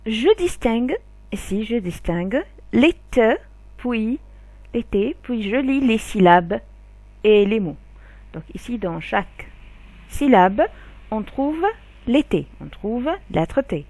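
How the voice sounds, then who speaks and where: A woman teaching a phonics lesson to children, sounding out and repeating each syllable loudly and slowly. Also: a little high, lively intonation, no echo.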